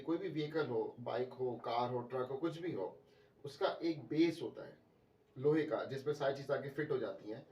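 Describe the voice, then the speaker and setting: A man teaching English pronunciation, speaking slowly and deliberately and repeating each word for emphasis. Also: on the high side, a little mellow, recorded from a distance. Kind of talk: spoken language lesson. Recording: echoey room, voice from off-mic.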